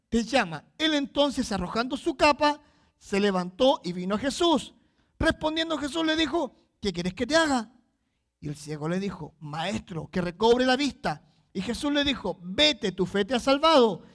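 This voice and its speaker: High-voiced preacher reading scripture aloud. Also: male voice. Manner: reads scripture aloud, then explains with emphatic repetition. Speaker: pastor. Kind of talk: sermon with Bible reading.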